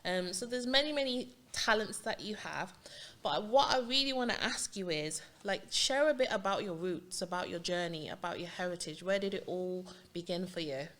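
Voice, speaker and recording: Low-voiced, upbeat woman podcast host. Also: normal speed, hardly any pauses, a bit bright. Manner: chatty and upbeat, repeats words for emphasis. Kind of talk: casual interview hosting.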